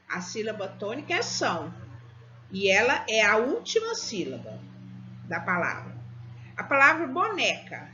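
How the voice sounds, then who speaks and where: Woman, primary school teacher, patient remote lesson, slightly high voice, dull lo-fi recording. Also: sharp tone, slight background noise. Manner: slow, patient, speaks to children as "tia".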